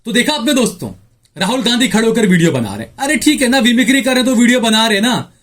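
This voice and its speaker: High-voiced sarcastic male commentator. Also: expressive, quick pace, fairly bright tone, a faint crowd. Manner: sarcastic, indignant. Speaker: political commentator host. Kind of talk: opinion commentary.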